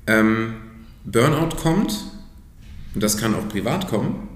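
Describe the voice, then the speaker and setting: A man's voice: mid-range voice, sing-song, slow, roomy sound. A man speaking as a breathwork coach in a casual podcast conversation, earnest and explanatory, sometimes dropping to a near-whisper for emphasis.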